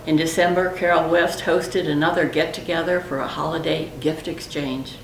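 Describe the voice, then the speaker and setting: Woman floor captain, low and gravelly, far from the mic in a roomy space. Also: fairly even intonation, normal speed. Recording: distant echoey recording with hum.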